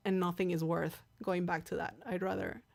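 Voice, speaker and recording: A woman hosts a live stream as a singer, chatting candidly with viewers and often restarting or repeating words; she's a native Spanish speaker with a Mexican accent. Her fairly low, level voice is creaky and a little mellow, moving at a normal speed.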